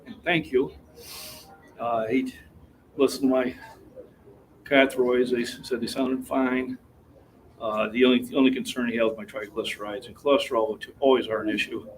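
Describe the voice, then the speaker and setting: A chatty man in his sixties talks to his live chat from a gym floor, a bit winded between sets. His mid-pitched voice comes from a camera set back from him, with a faint hum of the room behind. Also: steady tone, moderate pace, long pauses. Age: 60s. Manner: chatty, talks while catching his breath. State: slightly out of breath. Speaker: fitness livestream host. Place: gym, indoors. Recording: distant mic with faint room noise.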